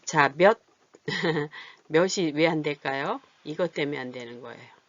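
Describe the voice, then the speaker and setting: A woman teaching a beginner language class, patiently drilling words and example sentences one by one. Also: low voice. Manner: slow, drilled repetition of example phrases. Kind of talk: classroom lesson. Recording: dull, dry lo-fi.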